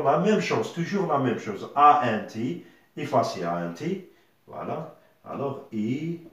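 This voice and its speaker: A man's voice: mid-range voice, lo-fi sound. A man teaching a grammar lesson, patiently spelling letters aloud and repeating each word. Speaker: primary school French teacher. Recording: very echoey bare room.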